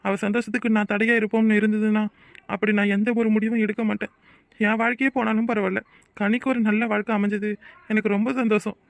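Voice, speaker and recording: Man as a patient, heartfelt young man in a cartoon, high voice and quick pace; dry recording. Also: creaky, no echo. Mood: resigned. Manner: calm, reasoning, heartfelt. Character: earnest young man, patient and self-sacrificing friend. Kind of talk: cartoon voice acting.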